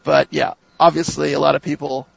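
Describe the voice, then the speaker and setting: Gravelly-voiced hesitant podcast host. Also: male voice, fairly high pitch, little pitch movement, a little fast, no echo, muffled recording. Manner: hesitant, many restarts and fillers. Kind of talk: casual gaming podcast chat.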